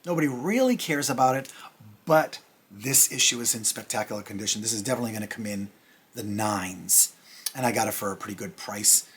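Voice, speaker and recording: A man's voice: lowish voice, a little fast, a bit bright, husky. A middle-aged man hosting a casual comic review vlog, chatty and rambling with self-deprecating asides. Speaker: comic review channel host.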